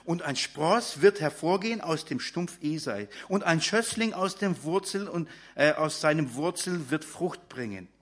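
A man's voice: on the high side, lively intonation, unhurried, few pauses. A man preaching a sermon in German, talking directly to his congregation with frequent fillers and restarts.

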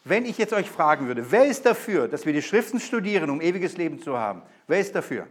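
A man's voice: a little high, sing-song, fast. A man preaching a sermon to a congregation, stressing key lines with urgent emphasis.

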